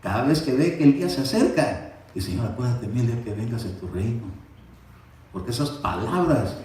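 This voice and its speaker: A man's voice: medium pitch, brisk. A man preaching a sermon, telling a story and voicing the people in it. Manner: animated storytelling, acting out dialogue in his story. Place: church. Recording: echoey room picked up from a distance.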